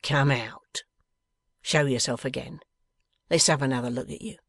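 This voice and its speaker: A narrator voicing a domineering man who calls in a hoarse whisper through a closed door's keyhole. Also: medium pitch, fairly even intonation, moderate pace, dry recording, studio quality. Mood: gloating. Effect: calling through a closed door. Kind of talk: audiobook narration.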